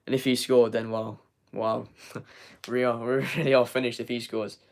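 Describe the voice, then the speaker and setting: A young man hosts a live football fan channel review, reading the chat in a mid-range, level voice at a moderate pace. He's losing his voice and rambles, repeating words and filling gaps constantly.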